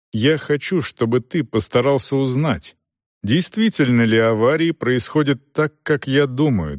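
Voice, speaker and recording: In an audiobook, a man plays an older father who stays measured and firm. His voice moves with lively intonation. The recording is dry and close to the mic. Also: mid-range voice, no echo. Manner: measured, persuasive. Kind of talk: audiobook reading.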